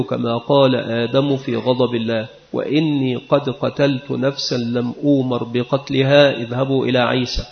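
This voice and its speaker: A man teaching a religious lesson, explaining a text in a measured, explanatory way. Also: medium pitch, creaky. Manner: measured, explanatory, recites quoted speech. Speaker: Islamic scholar teaching. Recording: echoey, dull lo-fi recording.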